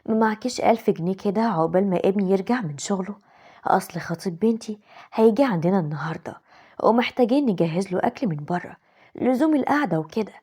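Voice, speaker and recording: A woman's voice: medium pitch, darkish tone, slightly rough, natural voice. A woman doing a sly Egyptian mother-in-law.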